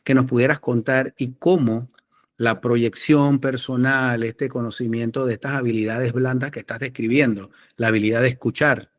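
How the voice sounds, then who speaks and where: A man's voice: mid-range voice, steady tone. Affirming male podcast host. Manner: affirming, with halting stutters when starting a question. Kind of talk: interview host.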